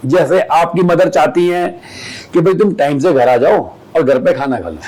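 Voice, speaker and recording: A man's voice: a little high, lively intonation, normal speed, darkish tone, poor audio. A man speaking as an astrologer guest on a podcast, explaining steadily with everyday examples from family and school life.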